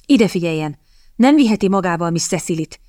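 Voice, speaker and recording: A woman's voice: on the low side, animated, no room sound, studio quality, natural voice. A woman reading the lines of a nervous, lovestruck young dandy who blusters. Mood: blustering. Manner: blustering, then meek.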